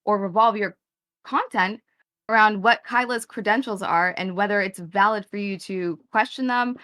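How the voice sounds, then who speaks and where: In an online debate, a woman in her thirties pushes back hard, exasperated and confrontational, swearing and talking over her male opponent. Her voice is mid-range and sharp, at a normal speed.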